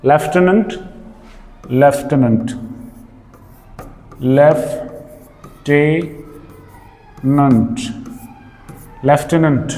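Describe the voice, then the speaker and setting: Indian guy teaching english pronunciation, mellow slightly high voice, says each word over and over, long reverb. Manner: repeats each word slowly several times; mixes Hindi and English. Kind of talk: pronunciation lesson.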